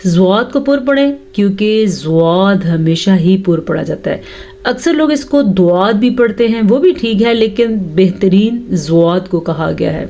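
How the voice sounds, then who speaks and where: A woman's voice: medium pitch, expressive, moderate pace, mellow. A woman teaching Quran recitation rules, explaining them patiently and repeating sounds to correct pronunciation. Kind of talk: tajweed lesson.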